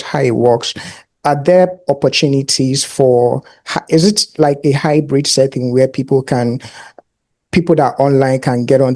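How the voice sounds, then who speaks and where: A podcast host with a voice of middle pitch. They ask friendly, loosely phrased questions in a casual interview. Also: darkish tone.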